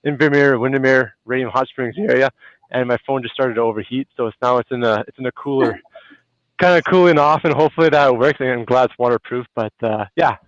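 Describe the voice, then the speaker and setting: A man's voice: medium pitch, brisk, dry recording. Casual canadian man hosting on a lo-fi call. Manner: relaxed, chatty, many fillers and restarts. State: a little out of breath. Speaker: host. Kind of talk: casual live video chat. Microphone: phone hotspot on a video call. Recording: dull lo-fi video call audio.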